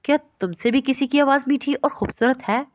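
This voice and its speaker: A tender young man murmurs affectionately down the phone, as a woman reads him aloud in a storybook reading. His coaxing voice sits a little higher than a man's. The sound is dry and slightly dull. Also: dry recording, lightly acted.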